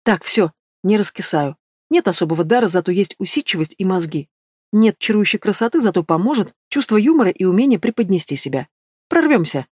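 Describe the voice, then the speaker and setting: A bubbly rapid-fire student girl from a storybook rattles off her thoughts in a close, dry voice, pitched in the middle range for a woman, as a woman reader puts her on. she is eager and quick, a whirlwind of a friend. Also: breathy edge, dry recording. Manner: rapid, excitable chatter.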